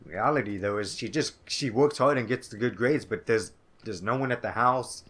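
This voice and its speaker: A man's voice: mid-range voice, moderate pace, a bit bright. Rambling young man chatting over gameplay. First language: English. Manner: rambling, many "like" fillers, playful impressions. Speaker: co-host of a gaming let's play. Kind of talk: casual gaming chat.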